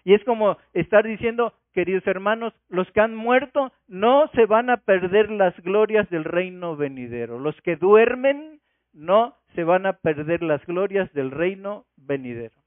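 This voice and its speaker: High-voiced preacher on tinny radio. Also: male voice, expressive, a little slow, no echo. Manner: preaching with rhetorical questions. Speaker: pastor. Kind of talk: sermon. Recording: tinny phone-like radio sound.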